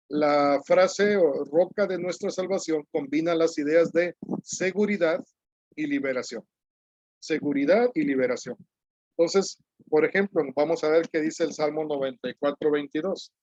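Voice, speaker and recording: A man preaching a sermon, explaining a psalm step by step, repeating key phrases and reading scripture slowly. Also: on the high side, a little mellow, dry recording, lo-fi sound.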